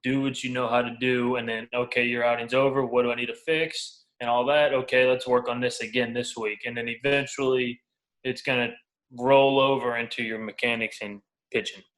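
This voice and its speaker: A man in his twenties, a professional baseball pitcher, is being interviewed and talks casually and candidly, with colloquial, anecdotal phrasing. His voice is medium-pitched and fairly bright, with little pitch movement and a normal pace, on a rough recording.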